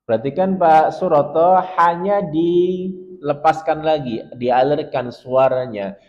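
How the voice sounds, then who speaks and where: A man's voice: fairly high pitch, slow. A man teaching Quran recitation in a mosque, patiently modelling chanted verses and correcting students one by one. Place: mosque hall. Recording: dull lo-fi mosque recording with long hall reverb.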